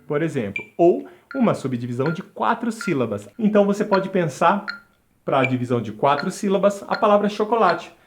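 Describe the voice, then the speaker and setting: A man's voice: high voice, big pitch swings, a little fast, slight background noise. A man teaching a music lesson, counting beats aloud and chanting syllables along with a metronome. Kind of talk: instructional video lesson.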